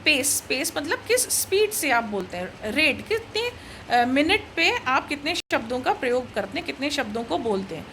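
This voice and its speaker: High-voiced Indian woman lecturing. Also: big pitch swings, pushed and bright, a little hiss or hum, rough recording. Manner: explains slowly, mixes Hindi and English, asks "right?". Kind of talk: recorded lecture.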